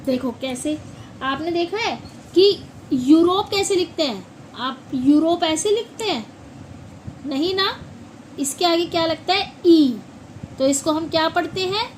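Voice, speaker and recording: A woman teaching English pronunciation in a classroom style, repeating words slowly and asking questions back. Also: extremely high pitch, expressive, a little hiss or hum, low-quality recording.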